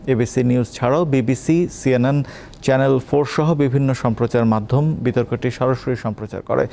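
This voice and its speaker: A man reads the afternoon headlines at a fast, steady clip. His tone is dark and mellow, with a formal bulletin cadence. A faint low rumble sits under the voice. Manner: brisk, formal bulletin delivery. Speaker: news presenter. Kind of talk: scripted news reading.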